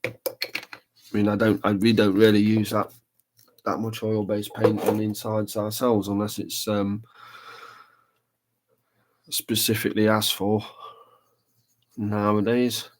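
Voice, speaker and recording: A man's voice: on the low side, flat delivery, a little slow, pauses often, noisy background. A man chatting casually on a live stream while painting a model, rambling and thinking aloud as he works. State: talking with a brush in his mouth.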